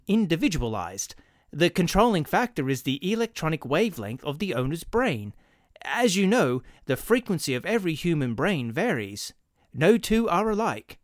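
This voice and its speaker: A man's voice: on the high side, dry recording, studio quality, voice pushed up. A man voicing an eager, fawning male shop clerk who hesitates and pleads.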